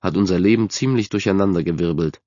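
A sullen, grieving teenage boy who mutters sarcastic replies, read by a man with a very deep voice. He sounds closed off and irritable. The recording is dry and dull. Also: fast talker, dark tone, no room sound. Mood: brooding.

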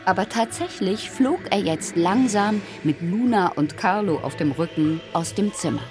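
A woman narrating a children's storybook in a calm, gentle way. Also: medium pitch, normal speed. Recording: faint music behind.

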